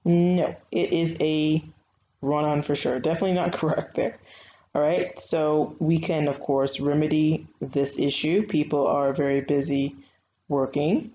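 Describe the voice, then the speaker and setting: Low and dark, with fairly even intonation and no rush, this young woman's voice leads a recorded online grammar lesson. As a writing instructor she's patient and conversational, often using fillers, while the lo-fi audio is slightly dull and faintly noisy.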